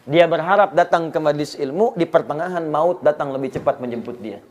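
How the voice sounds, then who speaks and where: Indonesian man preaching a lively sermon. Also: on the high side, a little fast, muffled recording. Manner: storytelling lecture, acting out dialogue with rising emphasis. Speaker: Islamic preacher.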